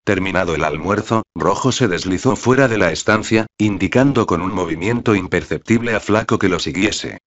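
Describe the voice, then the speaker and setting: Male narrator, deep, steady read, muffled lo-fi sound. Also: moderate pace, few pauses. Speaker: audiobook narrator. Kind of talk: scripted narration. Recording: dull lo-fi audiobook recording.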